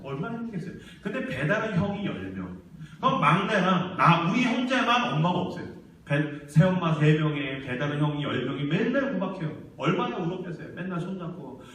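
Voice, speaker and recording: A man's voice: high voice, slight background noise. A man preaching a sermon to young adults in a large church hall, telling stories vividly and acting out the voices of the people in them. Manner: lively storytelling, acting out quoted voices. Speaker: church ministry staff preacher. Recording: very echoey church hall, mic far off.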